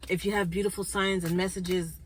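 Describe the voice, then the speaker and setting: A woman's voice: lowish voice, flat delivery, a little fast, a little hiss or hum, poor audio. Congested woman doing a chatty card reading. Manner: chatty, checks in with viewers with frequent "okay?". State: congested, clearing throat and coughing. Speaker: spiritual card reader and channel host. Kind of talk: casual spiritual card reading to viewers.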